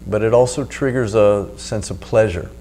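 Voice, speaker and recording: Male meditation teacher, lowish pitch, measured instructional delivery with pauses, slight hum on the recording. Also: mellow. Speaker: meditation teacher and video host. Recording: noticeable background hum.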